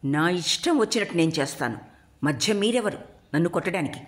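A woman storyteller voicing a defiant teenage daughter who shouts back at her parents. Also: on the low side, expressive, a little fast, close to an everyday voice. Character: defiant rebellious teenage girl Shabari.

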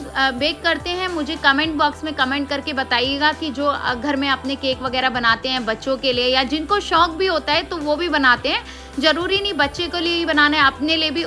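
A woman's voice: high voice, a little fast, pushed and bright, faint music behind. A woman talking through a casual shopping vlog in a chatty, enthusiastic, salesy way. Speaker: shopping vlogger.

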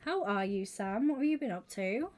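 A young woman chatting casually on her live stream, bubbly and quick to laugh. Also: mid-range voice. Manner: bubbly, laughs often, squeals when excited.

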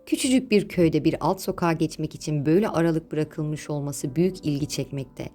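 A woman's voice: sits low, brisk, warm tone, faint music behind. A woman narrating a scripted travel vlog, informative and addressing viewers directly as friends.

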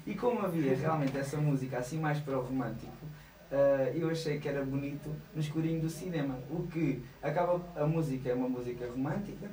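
A man's voice: a little high, fast, warm tone, roomy sound, distant mic, low-quality recording. Chatty Portuguese man on radio. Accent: European Portuguese. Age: 30s. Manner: chatty, laughs often, many hesitations. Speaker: singer guest. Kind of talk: radio studio interview. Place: small radio studio. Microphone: studio mic, headphones on.

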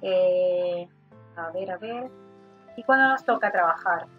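A woman's voice: lowish voice, slow pace. A woman giving casual gameplay commentary, chatting to her character as "daughter" and swearing mildly. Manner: chatty, talks to her sim as "hija", mild swearing. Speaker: gaming youtuber. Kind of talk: casual let's play commentary. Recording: slightly dull audio with faint game music.

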